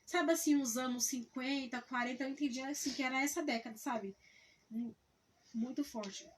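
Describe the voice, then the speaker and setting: Earnest woman recounting a vision. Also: high-pitched. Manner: halting, repeats and restarts words, earnest. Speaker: missionary. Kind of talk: testimony of a vision.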